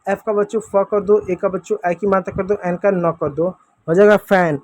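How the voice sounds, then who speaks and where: A man's voice: high-pitched, fairly even intonation, normal speed, a little mellow. A man teaching children phonics in a patient, repetitive classroom style. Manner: patient, repetitive drilling, often addresses the kids as "बच्चों". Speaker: English teacher.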